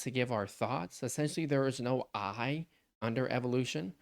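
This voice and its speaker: A man hosting a reaction stream, talking casually and building to incredulous outbursts. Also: mid-range voice. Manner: animated, rising to incredulous outbursts.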